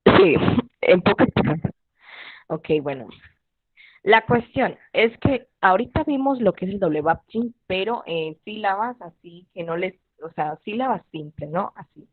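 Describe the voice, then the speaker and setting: A woman's voice: mid-range voice, expressive, normal speed, no room sound, phone-quality sound. A woman teaching an online Korean class, patiently checking in with "¿ok?" and "¿cierto?". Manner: patient, repeats "¿ok?" and "¿cierto?" often.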